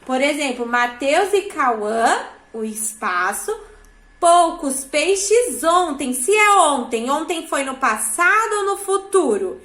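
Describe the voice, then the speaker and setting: A schoolteacher with a Brazilian Portuguese accent talks her pupils through an exercise step by step, pausing often to check they understand. Her voice sits high and sounds clear and bright. It carries the hollow ring of a classroom. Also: sing-song, roomy sound. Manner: patient, checks understanding with frequent tag questions. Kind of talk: classroom instruction.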